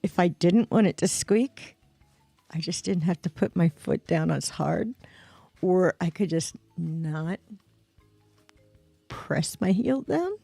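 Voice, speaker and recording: Slow-talking woman streamer, dry close mic. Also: animated, creaky, warm tone, breathy edge, no room sound, faint music behind. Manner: slow, drawn-out storytelling with laughs and imitated squeak sounds. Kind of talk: casual storytelling on a game stream.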